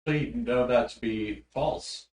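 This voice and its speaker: A man's voice: medium pitch, measured pace, a little mellow. A man running a tabletop game, laughing easily and questioning the players closely. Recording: roomy sound, distant mic.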